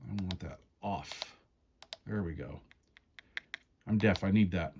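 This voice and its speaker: Slowly and folksily, a man reviewing a radio demonstrates its menu settings one step at a time, much like a relaxed hands-on review. His voice is fairly low, and faint noise and clicks can be heard in the background.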